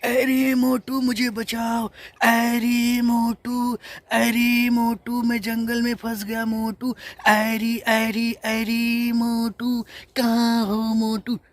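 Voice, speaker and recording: A man's voice: very high voice, monotone, drawn-out words, soft background music, full character voice. A man voicing a skinny young male cartoon sidekick who keeps calling his friend's name in a plaintive drawl. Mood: pleading. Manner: calls the same name over and over in a plaintive drawl.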